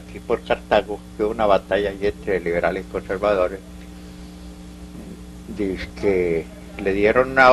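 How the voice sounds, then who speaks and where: An older man with a Colombian Paisa accent tells old stories in a fairly low voice. He halts, restarts and drifts into asides. A faint hum runs under the recording. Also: low-quality recording. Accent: Colombian Paisa Spanish. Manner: rambling, halting, full of restarts and asides. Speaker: elderly interviewee recounting local history. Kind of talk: storytelling in an oral history interview.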